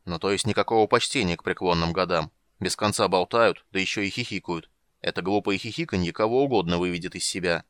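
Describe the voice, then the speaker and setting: A man voicing a grumpy, pedantic old male gold dragon who grumbles slowly and peevishly. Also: fairly low pitch, fairly bright tone, no echo, studio quality, close to an everyday voice.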